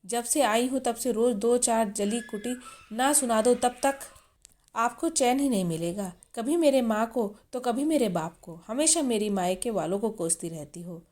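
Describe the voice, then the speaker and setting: A woman's voice: on the high side, animated, normal speed, a little mellow, close to an everyday voice. A woman reading the lines of an angry, fed-up young daughter-in-law in a storybook, bitter and retorting.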